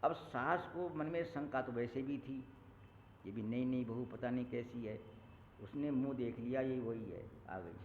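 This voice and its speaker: A male preacher giving a Ram Katha sermon, telling a story and chanting verses slowly in a melodic style. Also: mid-range voice, slight background noise. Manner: slow sung recitation of verses, storytelling with acted quotes. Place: temple hall. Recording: echoey hall over a tinny lo-fi line.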